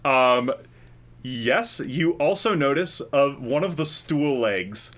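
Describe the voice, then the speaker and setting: A man's voice: medium pitch, lively intonation, slow, a bit bright. A man narrating as game master of a tabletop game, rambling with fillers and frequent laughs.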